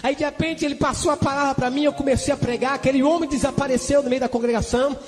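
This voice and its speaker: High-voiced Brazilian preacher in a reverberant church. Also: male voice, steady tone, fast. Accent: Brazilian Portuguese. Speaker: preacher giving a testimony. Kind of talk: church testimony.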